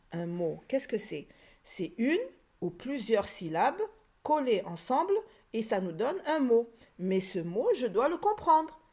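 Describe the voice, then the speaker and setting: A woman teaching a reading lesson to children, slow and patient, repeating each point and sounding out letters and syllables. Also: on the high side, a little mellow.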